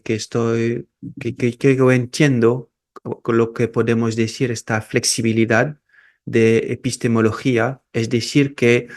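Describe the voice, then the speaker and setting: Brief: male interview guest, slow and deliberate, stumbling restarts, medium pitch. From France and Peru, raised in Morocco. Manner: halting, with many restarts and repeated words. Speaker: osteopath and researcher, guest. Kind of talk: casual interview.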